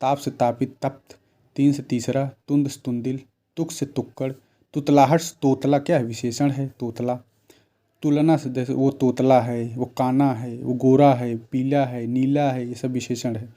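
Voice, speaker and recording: A man's voice: mid-range voice, warm tone. A man teaching a grammar lesson, reading off word lists and asking and answering his own questions.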